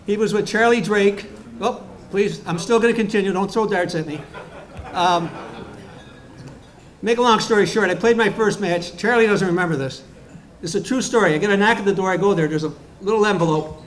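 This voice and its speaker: A man telling stories and jokes at a tribute roast, with quick asides to the crowd. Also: high voice. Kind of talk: stand-up style joke telling at a tribute. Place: bar event room.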